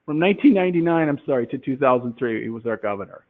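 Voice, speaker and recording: A man demonstrating a classroom quiz game, explaining in a relaxed way with many fillers into a headset. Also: medium pitch, rapid-fire. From Minnesota, USA. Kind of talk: software demonstration talk. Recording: tinny phone-like line.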